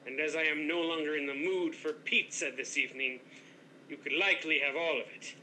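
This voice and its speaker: An actor playing a pompous, condescending headless ghost who runs a hotel as self-styled master of an island, with a bright voice. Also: male voice, a little high, brisk, slight background noise, poor audio. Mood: haughty. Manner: haughty, grandiose, condescending. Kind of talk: improv comedy scene.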